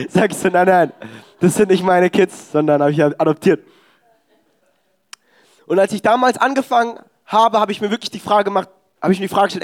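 High-voiced young man preaching. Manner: animated, storytelling with quoted dialogue. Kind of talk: sermon.

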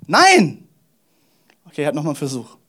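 A man preaching a sermon, swinging between loud emphasis and quiet asides, often repeating words and speaking straight to the listener. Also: high-pitched, lively intonation, normal speed. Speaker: pastor.

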